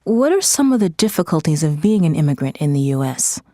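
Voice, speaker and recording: An actress playing an interviewer who asks attentive questions in a scripted textbook interview. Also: female voice, low-pitched, sing-song, fairly quick, warm tone, dry recording, clean studio sound.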